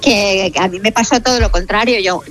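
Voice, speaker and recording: A woman's voice: mid-range voice, moderate pace, poor audio. A woman telling a personal story in a reflective way on a radio show in a studio. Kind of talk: casual chat.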